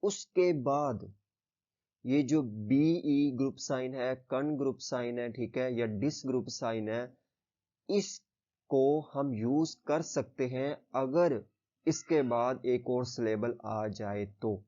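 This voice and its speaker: Speaking slowly in a mid-range, dark-toned voice, a man teaches braille rules one step at a time. He's patient, often saying "theek hai" and "okay" to make sure he's understood, and the audio is a bit dull and lo-fi.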